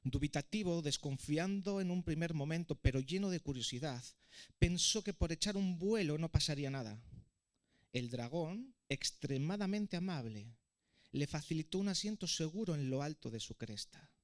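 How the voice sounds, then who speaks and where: A man's voice: on the high side, moderate pace. A man, a preacher narrating a parable dramatically in a sermon. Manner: dramatic, expressive storytelling.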